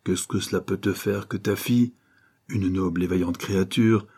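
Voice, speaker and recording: A man's voice: low-pitched, fairly even intonation, normal speed, mellow, slightly rough. A man voicing a stern, wrathful older former convict who accuses in a thundering way, read as an audiobook. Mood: accusing. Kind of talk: audiobook reading.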